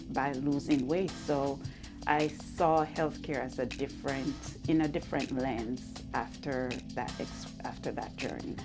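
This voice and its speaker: A middle-aged woman answering interview questions in a low, unhurried voice. She speaks in a measured, reflective way, and soft music plays underneath. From Jamaica. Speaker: co-founder of a wellness business, interviewee.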